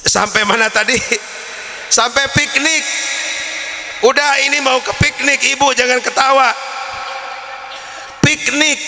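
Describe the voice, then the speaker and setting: A man's voice: very high-pitched, gravelly, bright, forceful tone. A man, preaching a sermon full of jokes and stories. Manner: joking storyteller, shifts between Indonesian and Sundanese. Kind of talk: comic religious sermon. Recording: reverberant hall.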